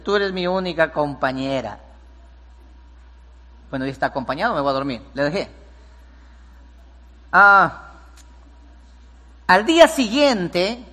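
Male pastor, slightly high voice, sermon delivery with big swings in loudness. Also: in a large hall. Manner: preaching, swings from hushed storytelling to loud emphatic peaks. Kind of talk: sermon with storytelling.

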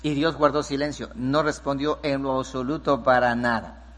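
Preaching pastor in a reverberant hall. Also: male voice, medium pitch, steady tone, normal speed. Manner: preaching, swings from hushed storytelling to loud emphatic peaks. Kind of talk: sermon with storytelling.

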